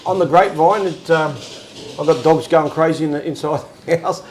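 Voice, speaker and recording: A man co-hosting a casual chat at home, relaxed and rambling with lots of fillers. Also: a little high, normal speed, a little hiss or hum, low-quality recording. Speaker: co-host.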